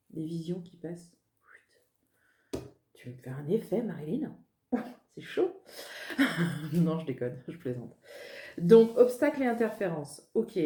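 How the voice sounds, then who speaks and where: A woman's voice: lowish voice, warm tone. A woman, a medium giving a casual, chatty card reading at her desk, joking at her own expense. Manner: chatty, self-mocking, laughs at herself. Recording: roomy echo.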